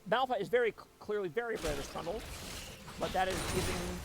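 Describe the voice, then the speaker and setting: A man casting a live esports match, calling the plays and getting excited in the fights. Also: high-pitched, fast talker, creaky. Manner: excitable, rises sharply during fights. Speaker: esports caster. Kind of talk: live play-by-play commentary. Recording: loud music under the voice.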